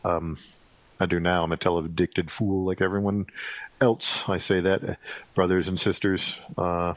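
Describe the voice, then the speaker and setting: A middle-aged man talking in a casual, rambling solo monologue, halting often with fillers and restarts. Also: sits low, little pitch movement, no room sound. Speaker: podcast host rambling solo. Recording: dull, dry lo-fi recording.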